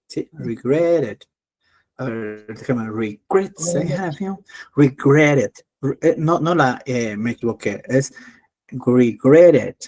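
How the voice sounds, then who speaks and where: A man leads an English class in Spanish. He speaks at an unhurried pace, patiently repeating each past-tense word and drilling its sounds for his students. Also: mid-range voice, dark tone. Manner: patient, repeats words slowly to drill pronunciation. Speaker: English teacher.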